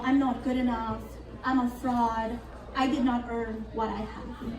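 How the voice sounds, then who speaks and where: High-voiced woman speaking in a roomy hall. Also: recorded from a distance. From Argentina. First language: Spanish. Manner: earnest and reflective, with light laughs. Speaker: conference speaker. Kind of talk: prepared motivational talk. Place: conference hall.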